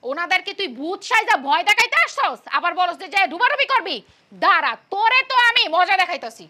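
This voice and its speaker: A woman's voice: very high-pitched, lively intonation, exaggerated voice. A woman playing a fierce scolding young wife. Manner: scolding, sharp, quick. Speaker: daughter and wife. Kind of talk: comic TV drama acting.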